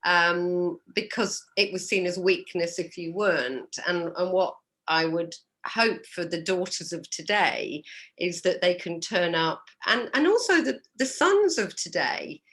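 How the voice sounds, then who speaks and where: Woman host, low voice, probing, restarts her sentences, coaching panel chat. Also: lively intonation, unhurried, fairly bright tone. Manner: probing, repeats words when starting a thought. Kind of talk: casual panel discussion.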